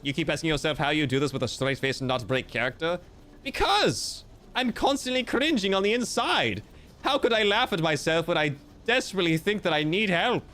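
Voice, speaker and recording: A man's fairly high, slightly bright voice comes across animated and a little fast. He's livestreaming and reading viewer comments in a laid-back chat, hamming it up theatrically with playful, mock-grandiose jokes.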